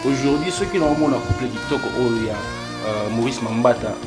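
Man acting as a lovesick young guy, excitable, loud music behind. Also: mid-range voice, moderate pace, close to an everyday voice. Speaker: actor in Congolese theatre comedy.

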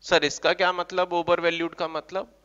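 Student, young, eager, pleading, voiced by a male teacher, slow, bright, muffled recording. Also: high-pitched, flat delivery, clear, resonant tone, pitched above the performer's own voice. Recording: dull lo-fi recording.

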